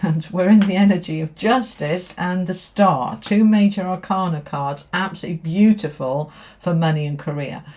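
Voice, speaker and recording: A woman's voice: lowish voice, normal speed, darkish tone. A woman giving a tarot reading straight to viewers, speaking in an emphatic, affirming way and repeating key phrases. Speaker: tarot reader.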